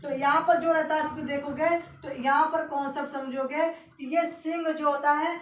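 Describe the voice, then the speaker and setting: Woman teacher, high voice, classroom lesson, repeats checks on understanding, spells letters out slowly, recorded from far off. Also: steady tone. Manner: repetitive, keeps checking students understand. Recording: echoey room from far off, faint hiss.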